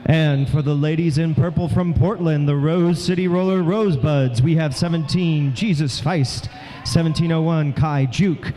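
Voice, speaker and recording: Higher-voiced male derby co-commentator. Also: normal speed, dark tone. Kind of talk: roller derby color commentary.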